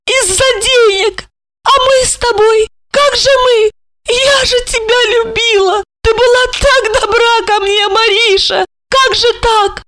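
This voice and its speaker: A woman reading aloud, voicing a shocked, desperate woman who pleads in a high, breaking voice.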